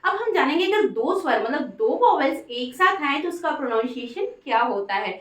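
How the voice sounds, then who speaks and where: A woman's voice: high-pitched, big pitch swings, fairly quick, a bit bright, reverberant, distant mic, poor audio. A woman teaching English pronunciation in a patient lesson, spelling words out letter by letter and checking in often. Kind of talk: Hindi-language English phonics lesson.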